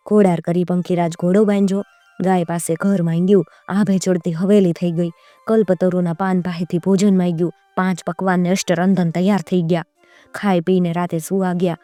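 A woman's voice: fairly low pitch, warm tone, no room sound. A woman narrating a folk tale in a rhythmic, sing-song storyteller's way.

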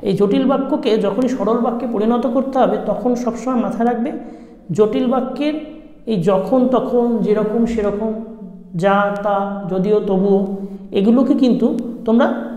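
A teacher with a West Bengal accent giving an exam-prep grammar lesson, asking questions, answering them, and repeating key phrases slowly for emphasis. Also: medium pitch, dark tone. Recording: roomy with a long reverb tail.

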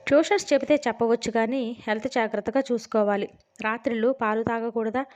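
A woman narrating a novel as an audiobook in a steady storytelling manner. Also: fairly high pitch, quick pace. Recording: dull lo-fi sound.

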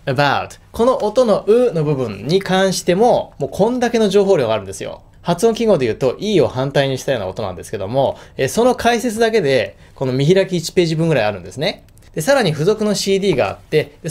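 A man teaching in an emphatic, lively way in a video lesson. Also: a little high. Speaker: English teacher.

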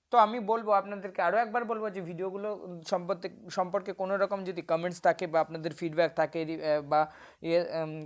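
A woman teacher with a Bengali accent, explaining an English worksheet step by step, with hesitations and self-corrections. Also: lowish voice.

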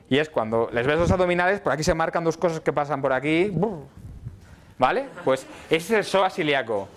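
A man's voice: a little high, a bit bright. A middle-aged man lecturing physiotherapy students in a casual way, often checking in with "¿vale?". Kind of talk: university lecture. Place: lecture hall.

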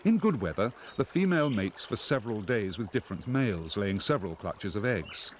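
Male nature documentary narrator, fairly deep, explanatory and measured, slightly noisy soundtrack. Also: expressive.

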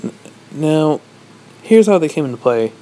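A young man giving a rambling, deadpan comic monologue, posing as a lecturer. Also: on the high side, measured pace, poor audio. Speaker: vlogger. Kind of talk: mock-serious comedic monologue.

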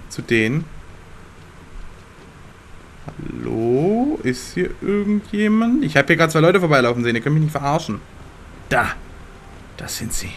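A young man commentating his gameplay in a slangy, excitable way and talking back to the game characters. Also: on the high side, moderate pace, pauses often, slight background noise. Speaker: let's play gamer.

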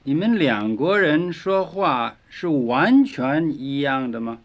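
A man reads a scripted language lesson in slow, carefully enunciated drill phrases. His voice sits a little high and moves with lively pitch swings. The sound is dull and lo-fi, typical of a 1950s record. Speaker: language teacher.

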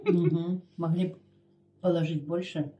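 An older woman, the vlogger's mother, chatting casually while chewing with her mouth full, low-key and serious, saying little. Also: fairly even intonation, a little slow, muffled recording. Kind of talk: casual mukbang chat.

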